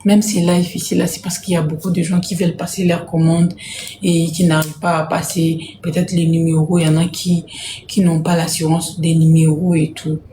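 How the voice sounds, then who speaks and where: A woman from Congo hosting a casual live stream to sell jerseys, speaking softly and repeating herself. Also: lowish voice, level tone, moderate pace, reverberant, background noise. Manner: soft-spoken, repeats herself. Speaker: livestream host selling jerseys. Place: home room, indoors.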